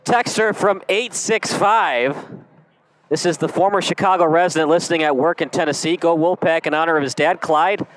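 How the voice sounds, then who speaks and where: A man calling a high school football game play by play, in a brisk, chatty manner. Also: fairly bright tone, poor audio. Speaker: play-by-play announcer. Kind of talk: live sports commentary.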